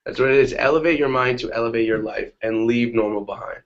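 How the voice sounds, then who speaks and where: A man in a casual motivational talk on a webinar call, energetic and repetitive, often asking "right?". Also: medium pitch, quick pace. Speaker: guest on a webinar. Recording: dull lo-fi webinar audio.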